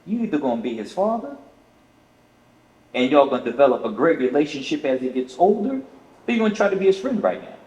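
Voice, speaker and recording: An older man with a lively, rising and falling voice, speaking in an earnest, fatherly way. He sounds emphatic. The room is echoey, with a long reverb tail. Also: fairly high pitch, a little fast. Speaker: father of the co-host. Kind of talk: casual podcast conversation.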